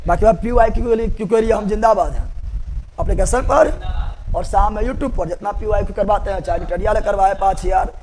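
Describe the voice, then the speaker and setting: A man's voice: high-pitched, quick pace, a little mellow, slight background noise. A man teaching a chemistry class, repeating key words and asking students to answer back, with joking asides. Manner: repetitive call-and-response teaching, joking asides. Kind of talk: classroom lecture.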